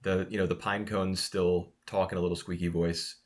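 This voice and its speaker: A man with a very low, deep voice co-hosts a casual podcast. He talks in a relaxed, chatty way and laughs easily while trading opinions. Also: moderate pace. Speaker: podcast co-host. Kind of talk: casual chat reviewing anime.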